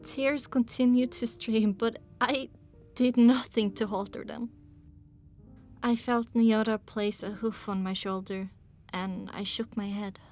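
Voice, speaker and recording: A woman narrating a fantasy audiobook in the first person, her voice sitting a little higher than most. She tells the story in an even, measured way. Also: soft background music.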